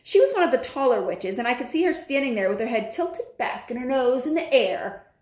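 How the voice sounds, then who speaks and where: A woman reads a children's novel aloud, breaking off for chatty asides. Her voice is fairly high and very animated, and the room around her is echoey. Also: brisk. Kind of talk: reading aloud a children's book with commentary.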